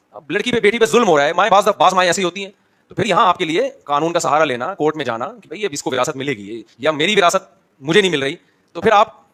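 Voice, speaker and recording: A high-voiced man answers questions as a religious scholar. He explains each point step by step and turns to his listeners with rhetorical questions. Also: a bit bright. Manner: brief acknowledgements between questions.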